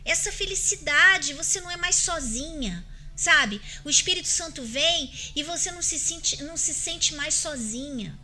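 Earnest Brazilian woman, high bright voice. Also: lively intonation, normal speed. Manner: earnest, emphatic, addresses listeners directly. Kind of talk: faith-based advice chat.

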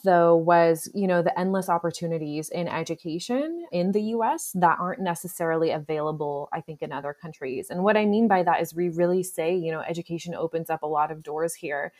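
A young woman in her twenties from the Czech Republic, a pharmacy resident answering interview questions in an earnest, talkative way with lots of "you know" and "um.". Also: lowish voice. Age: 20s.

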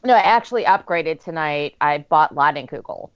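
A woman's voice: low-pitched, animated, moderate pace, clear, resonant tone, no room sound, muffled recording. A woman giving blunt, opinionated remarks in a casual chat among friends while watching a movie.

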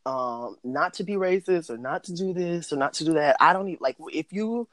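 Man, casual podcast talk, a bit higher voice, dry close sound, rambling and frank. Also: animated, normal speed, fairly bright tone, dry recording. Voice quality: rambling, frequent restarts and fillers. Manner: frank, tells it like it is. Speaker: podcast co-host. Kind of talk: casual chat.

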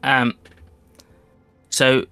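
A man's voice: drawn-out words, pushed and bright, no echo, faint music behind. A man acting as game master, casually narrating a tabletop game.

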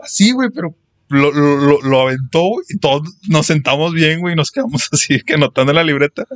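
A man's voice: on the high side, brisk, dry recording. A young man with a Mexican accent, telling crude school stories in casual chat and acting out the voices of people in them. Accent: Mexican Spanish. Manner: crude slang-heavy storytelling, acts out quoted voices.

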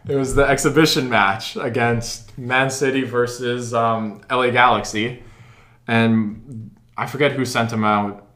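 A man's voice: mid-range voice, a bit bright. A young man co-hosting a casual sports podcast, telling stories in a laid-back, self-deprecating way. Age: young adult. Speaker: podcast co-host. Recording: roomy echoey sound.

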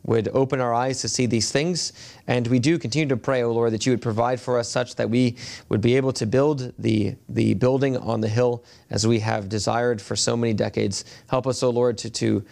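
A male pastor preaching a sermon at a pulpit microphone in a church. He reads scripture in a measured way and often halts with fillers when he speaks freely. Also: medium pitch, steady tone, vocal fry, darkish tone. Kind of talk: sermon with scripture reading and prayer. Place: church sanctuary.

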